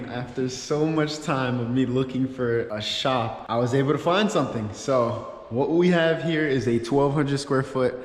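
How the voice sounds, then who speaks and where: Man vlogging in a heavily echoing space. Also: medium pitch. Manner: excited, rambling, slangy. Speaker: YouTube car-channel host. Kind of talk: casual vlog walkthrough. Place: large, echoey indoor garage workshop. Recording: very echoey, reverberant empty workshop.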